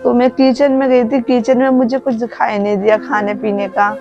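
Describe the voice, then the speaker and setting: A woman playing an elderly mother-in-law in a home-made family drama, speaking softly and patiently. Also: on the high side, level tone, moderate pace, muffled recording, natural voice. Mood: gentle. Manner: soft, patient, pleading. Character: elderly mother-in-law, gentle and long-suffering. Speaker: actor in a family drama skit. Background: background music.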